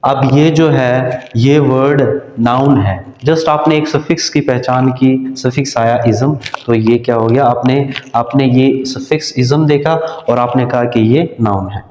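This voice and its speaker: A male teacher giving a grammar lecture, speaking slowly and repeating words, spelling them out letter by letter. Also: mid-range voice, a little mellow, a little hiss or hum. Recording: dull echoey room recording.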